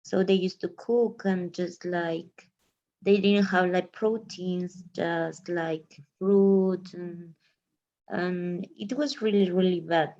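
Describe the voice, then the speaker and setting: Slow, mellow woman. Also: on the low side, steady tone. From Ecuador. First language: Spanish. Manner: hesitant, many likes and fillers. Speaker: student. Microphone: video call. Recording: dull lo-fi video call.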